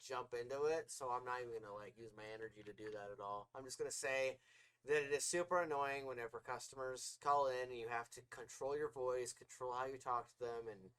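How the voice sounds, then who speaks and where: A man's voice: mid-range voice, steady tone, a little fast, fairly bright tone, smooth. A man hosting a casual podcast chat, rambling with lots of fillers and frequent laughs. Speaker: podcast host.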